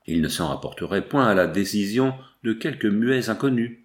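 A man's voice: fairly low pitch, lively intonation, moderate pace, natural voice. A man reading as Manfred, a grieving proud prince. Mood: proud, indignant. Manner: declamatory, pleading. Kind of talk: audiobook dialogue reading.

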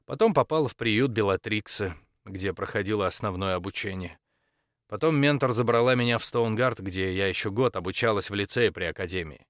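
A man voicing a composed, patient female church dean in an audiobook, speaking in a measured and polite way. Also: fairly low pitch, a bit bright, no echo, studio quality, natural voice. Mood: calm.

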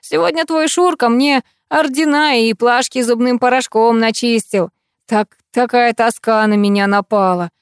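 A woman's voice: on the high side, normal speed, clean tone, no echo, close to an everyday voice. A woman voicing a gloomy, grumbling old grandfather in an audiobook. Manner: grumbling, sorrowful.

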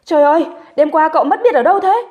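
A woman voicing a panicked young male coworker who shouts down the phone in an audiobook. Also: very high-pitched, lively intonation, fast, dull audio, pitched above the performer's own voice. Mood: frantic. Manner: shouting, frantic.

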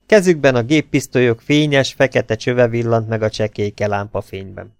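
A man narrating a pulp adventure novel in an audiobook, with a measured, even storytelling delivery on a close mic. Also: mid-range voice, smooth, no room sound.

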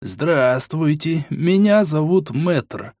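A grumpy old priest, put on by a male reader, who is polite but fussy and grumbles his demands. He speaks slowly and deliberately, with a dry, close sound. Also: a little high, expressive, a little mellow, no echo. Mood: grumbling.

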